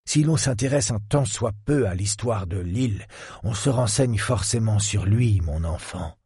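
Old lord in his eighties, put on by a male narrator, enigmatic, patronizing, very husky, slow, low. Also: lively intonation, dark tone, dry recording, studio quality, exaggerated voice. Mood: grave, mysterious. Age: 80s. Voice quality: sepulchral, gravelly, husky. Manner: slow, solemn and mysterious. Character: octogenarian millionaire lord, grave, enigmatic, patronizing. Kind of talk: audiobook character voice.

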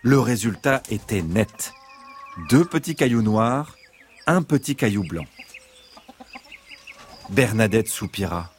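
A man narrating a children's bedtime story in an expressive storytelling way. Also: lowish voice, takes it slowly, pauses often, slight background noise.

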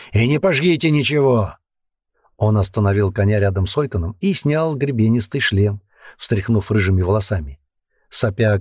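A man reading an adventure story aloud in a steady, storytelling manner. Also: on the low side, slightly rough, no room sound, clean studio sound. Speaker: narrator. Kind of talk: audiobook narration.

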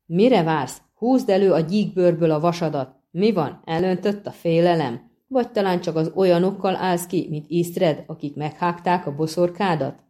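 A woman voicing a brash young male thug who shouts insults and picks a fight, reading it in an audiobook. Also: on the low side, few pauses, lightly acted. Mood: taunting, shouting. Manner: taunting, shouting, spitting insults.

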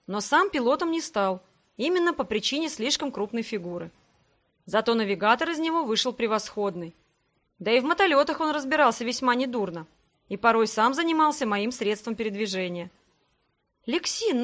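A woman narrating a fantasy audiobook in the first person, in an even storytelling manner. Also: on the high side.

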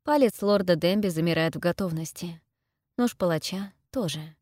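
A young adult woman narrating a first-person story as an audiobook reader, in a steady, measured way. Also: on the low side, no echo, clean studio sound.

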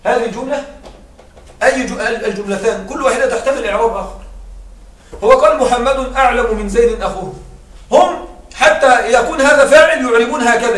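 A man teaching an Arabic grammar lesson who explains step by step, repeats his examples and keeps checking with quick rhetorical questions. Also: very high-pitched, fairly bright tone, echoey room, distant mic.

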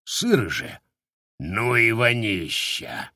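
A man voicing a gruff older military commander who barks his orders. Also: on the low side, big pitch swings, slow, pushed and bright, dry recording, studio quality, heavily acted. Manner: gruff, barking.

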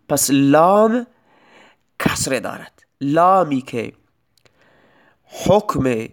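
A middle-aged man teaching grammar in a recorded lecture, explaining step by step and repeating example phrases slowly. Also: a little high. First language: Persian.

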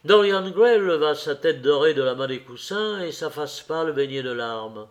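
A man narrating a classic novel as an audiobook, in a measured, expressive storytelling manner. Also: fairly high pitch. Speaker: audiobook reader.

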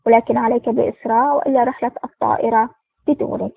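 A woman's voice: fairly high pitch, steady tone, fast talker, creaky, slightly rough, no echo. A woman voicing a cheerful, teasing plump male lab technician in an audiobook. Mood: jovial. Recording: tinny phone-like sound.

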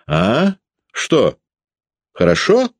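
A man's voice: a little high, huge pitch swings, extremely slow, gravelly, slightly rough, no room sound, pitched above the performer's own voice, exaggerated voice. A man voicing a sullen, spiteful middle-aged male schoolteacher who needles and pries. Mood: mocking. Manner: needling, malicious, prying.

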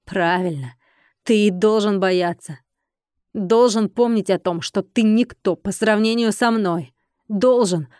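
A woman reading a haughty brothel owner who snaps and mocks, her lines loud and slightly off-mic. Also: medium pitch, unhurried, no room sound, clean studio sound, close to an everyday voice. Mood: mocking, shrill. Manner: snapping, mocking.

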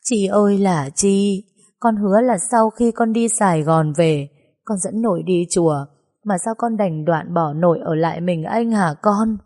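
A woman voicing a grieving old grandmother who wails a drawn-out lament for her granddaughter. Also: mid-range voice, warm tone. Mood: wailing grief.

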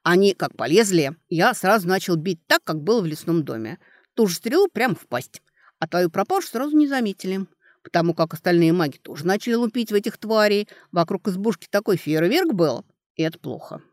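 A woman voicing an eager young man who talks in an excited, rushed way, in an audiobook. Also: medium pitch, no echo, clean studio sound, close to an everyday voice.

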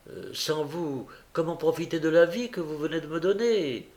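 A man reading the part of a kind, virtuous young lady who speaks in an earnest, gently coaxing way. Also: on the high side, normal speed, natural voice.

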